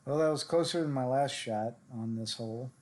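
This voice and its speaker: A man's voice: medium pitch, normal speed. Chatty male game streamer. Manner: chatty, answers viewer chat directly; relaxed, self-coaching talk with fillers. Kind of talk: casual live-stream gameplay commentary.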